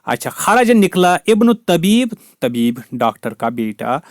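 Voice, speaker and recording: A man walks through a grammar lesson at a very unhurried pace, saying each word and then its meaning, often twice. His voice sits slightly high for a man. The sound is close and dry, with no room around it. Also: very animated, no echo. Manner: slow, careful explaining, repeats each word with its meaning. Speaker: Arabic teacher. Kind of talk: recorded lesson explaining grammar.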